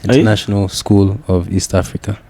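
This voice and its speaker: A young man with a Kenyan accent, a podcast guest reflecting candidly on his upbringing, often pausing with restarts and repeated yeahs. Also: fairly low pitch, flat delivery, warm tone. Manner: reflective, with frequent "yeah" and restarts.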